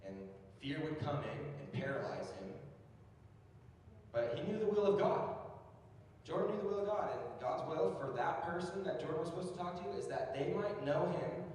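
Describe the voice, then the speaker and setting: A young man giving a casual, slangy youth sermon, building to loud emphatic peaks. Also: sits high, expressive, normal speed, slight background noise. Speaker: youth speaker. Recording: distant mic in a very echoey hall.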